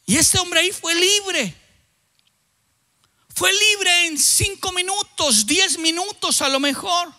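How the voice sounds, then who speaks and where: Brief: male pastor from Colombia, high bright voice, vivid story sermon. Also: in a large hall. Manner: vivid storyteller, halting restarts, sudden loud bursts.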